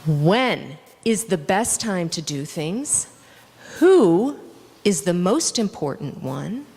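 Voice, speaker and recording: A woman with a lowish voice reads a children's story aloud to an audience of all ages, slow and highly animated as she acts out the characters. Her voice rings through a large hall with long reverb.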